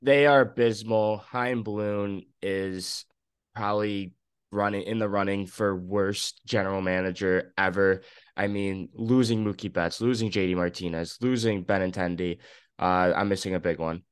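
A young man co-hosting a casual sports podcast, excited and opinionated, in his morning voice. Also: on the low side, normal speed, clean tone, no echo, studio quality. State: just woken up, morning voice. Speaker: podcast co-host.

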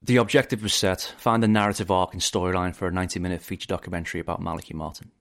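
Deep-voiced Liverpool man narrating a podcast. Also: steady tone, rapid-fire. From England. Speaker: podcast host, film director.

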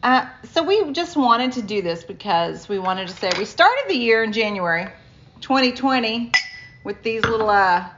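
A chatty middle-aged woman with a slightly high voice co-hosts a relaxed podcast. She laughs often as she talks. The sound is dull and lo-fi, captured on a phone recorder. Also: normal speed, noisy background. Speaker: podcast co-host. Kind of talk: casual chat.

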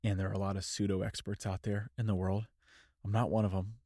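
A thirtysomething man hosting his own podcast talks fast in a fairly low, mellow voice with a level tone, slightly congested and nasal. His casual solo delivery is loose, self-deprecating, and done in one unscripted take. The sound is dry and studio clean.

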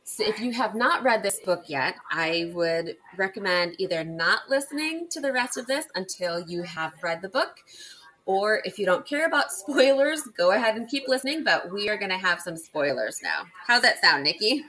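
A woman's voice: medium pitch, lively intonation, moderate pace, bright, forceful tone, rough recording. A woman hosting a casual book discussion, recapping the plot with enthusiasm and laughing often. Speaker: book podcast host.

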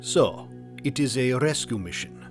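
An actor playing a reserved foreign adventurer and war veteran who speaks formally, without contractions. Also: male voice, medium pitch, lively intonation, a little slow, over music, lightly acted.

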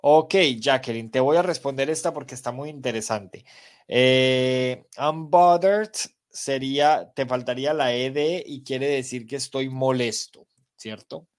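Slow, patient male English teacher. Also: mid-range voice. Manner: slow, patient explanations mixing Spanish and English. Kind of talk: live online English class.

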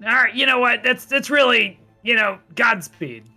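A man's voice: very high-pitched, moderate pace, bright, forceful tone, soft background music. A man bantering casually as a player in a tabletop role-playing game.

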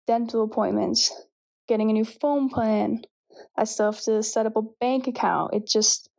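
A Canadian woman in her twenties, a professional volleyball player, gives an upbeat, self-deprecating scripted update to camera. Her voice is a little high and a little mellow, with vocal fry.

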